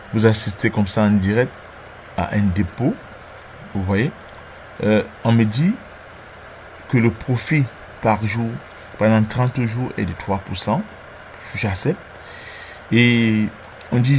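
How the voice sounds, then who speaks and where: A man with a lowish voice talks through a screen-recorded tutorial step by step. He hesitates often and repeats words while he clicks along. A faint hiss sits under his voice. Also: darkish tone. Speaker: trading tutorial presenter.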